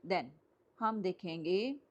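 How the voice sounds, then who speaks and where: A woman's voice: on the low side, expressive, extremely slow, highs cut off. A woman giving a lecture to a class, explaining step by step and often checking whether students follow. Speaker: English teacher. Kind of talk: classroom lecture mixing Hindi and English.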